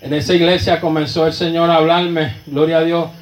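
Fervent high-voiced preacher, echoey church. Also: male voice, little pitch movement, a little fast. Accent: Puerto Rican Spanish. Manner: fervent, with constant interjections of praise. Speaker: pastor. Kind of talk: sermon testimony.

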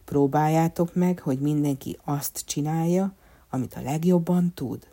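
A woman voicing a calm, patient old craftsman in a storybook reading, speaking gently and unhurried. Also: sits low. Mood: gentle.

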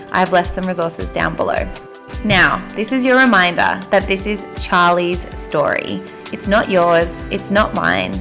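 A young woman with an Australian accent, hosting a podcast in a chatty, informal, teasing way. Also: lowish voice. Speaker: podcast host. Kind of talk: casual podcast chat.

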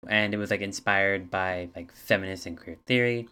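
A man with a very low voice co-hosts a casual podcast. He reads out facts from his notes, filling the gaps with ums and uhs. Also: fairly even intonation, moderate pace, bright, forceful tone, clear, resonant tone. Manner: reads album facts from notes, hesitant fillers. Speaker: podcast co-host. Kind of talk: casual chat.

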